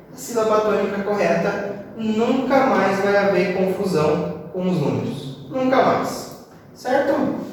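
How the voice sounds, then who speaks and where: A man from Brazil teaching an English class, explaining step by step and repeating words slowly for drill. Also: sits high, recorded from a distance, slight background noise. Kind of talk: classroom lesson. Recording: roomy echo, voice off-mic with long reverb.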